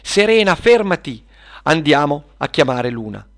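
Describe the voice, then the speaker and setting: A man voicing a quick-thinking young superhero girl who leads the plan. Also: medium pitch, animated. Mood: urgent. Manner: eager, urgent.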